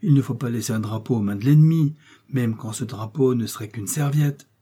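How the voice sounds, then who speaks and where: A man's voice: mid-range voice, a little fast, warm tone, husky, natural voice. A man reading aloud and voicing a proud, sardonic noble musketeer who talks in a dry, commanding, ironic way.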